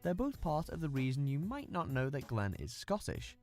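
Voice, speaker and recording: A male narrator reads a countdown script with punchy, wry energy. His pitch sits a little high and jumps about expressively, and faint music plays beneath him. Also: huge pitch swings, moderate pace. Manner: upbeat, punchy, wry delivery.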